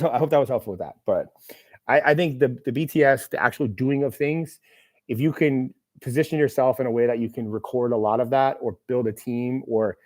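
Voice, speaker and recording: A man's voice: mid-range voice, a little mellow. A man hosting a live Q&A, talking casually in a rambling, self-deprecating way with plenty of fillers. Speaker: host of a live Q&A. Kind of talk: casual live-stream chat. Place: room with a camera operator.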